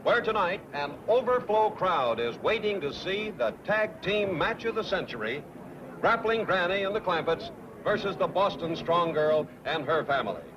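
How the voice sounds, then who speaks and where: Old-time wrestling announcer, showy, slightly high voice, really noisy behind. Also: male voice, animated, normal speed. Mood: grand, excited. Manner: formal, showy. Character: grandiose male ringside wrestling announcer. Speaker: sports announcer. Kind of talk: 1960s broadcast commentary. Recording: muffled, very noisy arena broadcast.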